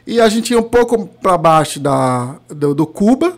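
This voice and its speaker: Haitian-accented man, halting and searching. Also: a little high, sing-song. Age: 30s. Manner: halting, searching for words, frequent restarts. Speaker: guest. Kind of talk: casual interview conversation.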